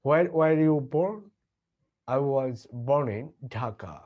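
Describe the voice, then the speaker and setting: A man with a Bangladeshi accent teaching English, slowly repeating example questions and answers. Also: on the high side, animated, dull audio. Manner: slow, deliberate repetition of example sentences. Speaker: English tutor. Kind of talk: language lesson with model dialogues.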